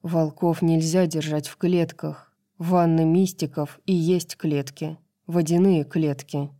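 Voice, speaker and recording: Woman reading stubborn young wolf guy, low and warm, pushy. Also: steady tone, slow pace. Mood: insistent. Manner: urgent, insistent. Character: young male wolf shifter, stubborn and impulsive.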